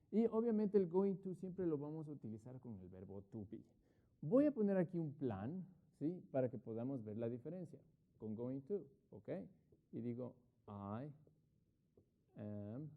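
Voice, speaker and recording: A middle-aged man teaching English grammar in Spanish in an online class, patiently explaining and asking rhetorical questions, slowing down to spell out English example sentences. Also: mid-range voice. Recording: phone-like thin audio.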